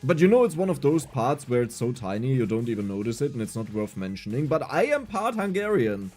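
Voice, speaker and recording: A man's voice: mid-range voice, sing-song, brisk, a little mellow, faint music behind. A young adult man with a German accent, streaming a game, reading chat aloud and answering it with self-mocking humor. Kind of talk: casual livestream gameplay chat.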